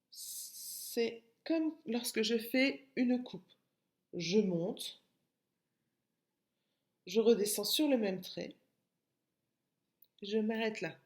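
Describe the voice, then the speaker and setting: A woman with a mid-range voice and a French accent teaches young children in a recorded remote class, and the room echoes. As their kindergarten teacher, she patiently repeats words and splits them into syllables.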